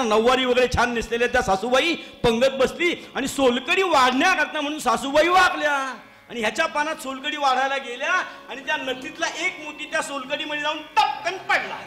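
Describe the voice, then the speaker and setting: This kirtan preacher from Maharashtra, India, has a very high voice. Performing live before an audience in a temple hall, he delivers a funny story-filled sermon, talking straight to the crowd and laughing at his own jokes as a lively storyteller.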